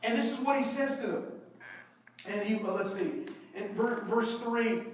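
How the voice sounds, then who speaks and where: A man preaching a sermon as pastor, telling a Bible story in a lively, dramatized way and acting out the characters' lines. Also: sits high, moderate pace. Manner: animated storytelling preacher, acting out the brothers' voices. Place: church sanctuary. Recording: echoey church sanctuary, mic at a distance.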